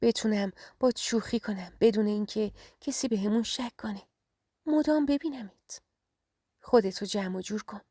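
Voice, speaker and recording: A woman's voice: mid-range voice, mellow, no echo, clean studio sound, lightly acted. A woman voicing a lovesick young man, a former sweetheart, who speaks tenderly and pleadingly in an audio story.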